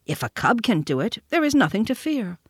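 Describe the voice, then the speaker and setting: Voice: mid-range voice, big pitch swings, a little fast, breathy edge, no echo, clean studio sound. A storybook reader voicing the young man-cub Mowgli, bold and challenging. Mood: curious. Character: fierce young man-cub boy, defiant.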